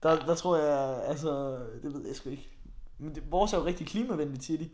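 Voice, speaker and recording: A young man with a slightly high voice tells animated travel stories in a relaxed back-and-forth with a friend. He laughs easily and talks in a loose, casual way. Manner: laughs often, animated storytelling. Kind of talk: casual chat.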